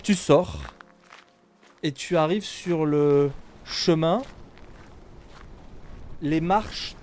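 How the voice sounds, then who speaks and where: A man narrating a tabletop role-playing game as game master, improvising dramatically with suspenseful pauses. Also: a little high, darkish tone, slight background noise.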